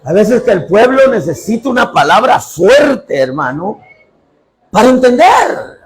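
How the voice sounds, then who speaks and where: Gravelly, animated male pastor preaching. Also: high-pitched, measured pace. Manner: animated preaching, acts out dialogues, bursts into shouts. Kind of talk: sermon.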